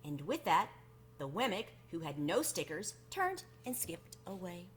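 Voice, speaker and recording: Against slight background noise, a woman with a lowish voice reads from a children's picture book. She tells the story expressively and deliberately, pulling out emphasized words.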